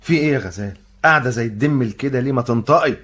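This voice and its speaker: A man's voice: medium pitch, very fast, over loud music, natural voice. An actor with an Egyptian accent playing a cheeky young man in a comic radio drama. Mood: mocking. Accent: Egyptian Arabic. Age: young adult. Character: cheeky, quick-talking poor young man. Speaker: Mando, a poor young man.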